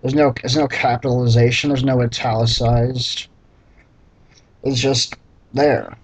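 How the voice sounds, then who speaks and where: A man's voice: mid-range voice, level tone, a little slow, breathy edge, rough recording. A man reading a bad novel aloud and mocking it with sarcastic, exasperated comments. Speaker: book reviewer reading aloud. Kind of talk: sarcastic read-through commentary.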